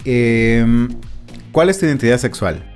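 A man hosting a podcast interview, friendly, with animated greetings. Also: medium pitch, a little slow, faint music behind. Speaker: podcast host.

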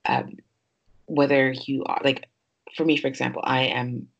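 A woman's voice: a bass voice, little pitch movement, unhurried, gravelly, muffled recording. A woman who grew up in New York hosts a podcast, speaking in a casual, reflective way with many fillers as she thinks aloud. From New York, United States. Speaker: podcast host.

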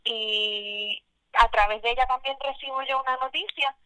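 A Puerto Rican woman in her forties, talking as a guest in a relaxed, thoughtful way. Her voice is bright and forceful and comes through dry, with no room around it. She often pauses with fillers and restarts her sentences. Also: sits high, clear, resonant tone, dry recording, low-quality recording. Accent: Puerto Rican Spanish. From Puerto Rico. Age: 40s. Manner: reflective, many fillers and restarts. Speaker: guest poet. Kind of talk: casual interview.

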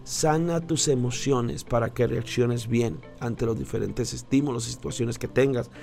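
A man's voice: medium pitch, moderate pace, vocal fry, a little mellow, soft background music. A man giving a motivational talk on emotions, emphatic and repeating phrases for effect. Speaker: speaker on emotions.

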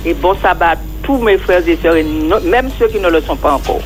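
A woman's voice: lowish voice, expressive, fairly quick, loud music behind the voice. Woman calling in by phone. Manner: fervent, piles up blessings and greetings. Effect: heard over a phone line on air. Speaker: radio show caller.

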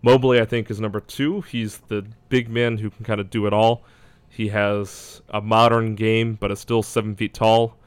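A man's voice: fairly low pitch, flat delivery, normal speed, few pauses, smooth, no echo. A man talking casually as a basketball draft analyst, hedging and thinking aloud as he goes. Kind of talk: casual sports discussion.

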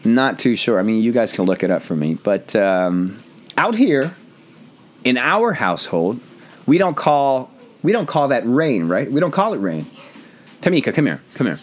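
A man hosting a relaxed home podcast, his voice hoarse and roughened as he jokes about himself. His pitch swings widely and freely as he rambles from one thought to the next. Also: normal speed. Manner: jokey, rambling, self-deprecating. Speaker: podcast host. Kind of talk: casual chat.

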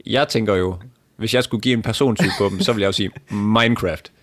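Low-voiced young man cracking dry jokes. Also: crowd noise. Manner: dry wisecracking quips. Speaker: podcast co-host. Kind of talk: casual chat.

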